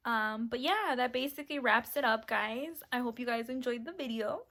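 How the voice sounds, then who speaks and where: A young woman with a high, bright voice tells a story to the camera for her vlog at normal speed. Chatty and giggly, she retells it in an animated way, constantly using "like" and "you know."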